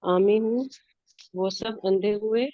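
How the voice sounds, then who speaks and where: A woman's voice: medium pitch, fairly even intonation, no echo. A woman, a student reciting Arabic verb forms and their meanings in class. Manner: reads Arabic forms, each with its Urdu meaning. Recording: dull muffled dry sound.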